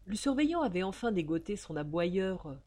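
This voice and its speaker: A woman narrating a story as an audiobook reading, in a measured storytelling manner. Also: medium pitch, big pitch swings, a little mellow.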